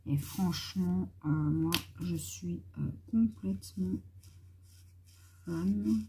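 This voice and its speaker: A woman's voice: on the low side, slow, noisy background. A woman chatting casually in a haul vlog, thinking aloud as she tests colors and talking familiarly to her viewers. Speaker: YouTuber presenting art markers.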